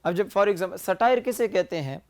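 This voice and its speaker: A man's voice: sits high, expressive, no room sound, clean studio sound. A male teacher with a Pakistani accent, giving a vocabulary lecture and repeating key words as he explains. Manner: explains slowly, repeating words and switching between languages.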